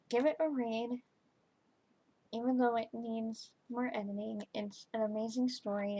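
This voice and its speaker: A woman giving a chatty, informal book review to camera, halting and often trailing off mid-thought. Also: fairly high pitch, darkish tone, low-quality recording. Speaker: book reviewer, video host.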